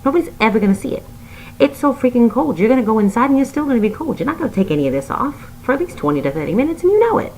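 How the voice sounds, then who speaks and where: A woman's voice: a little high, sing-song, rapid-fire, a little mellow, slight background noise, pitched above the performer's own voice, low-quality recording. A woman voicing a bossy, blunt woman in a put-on Brooklyn accent, ranting sassily at the viewer about the weather. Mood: sassy ranting. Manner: ranting, sassy, lecturing the viewer. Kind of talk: comic rant to camera.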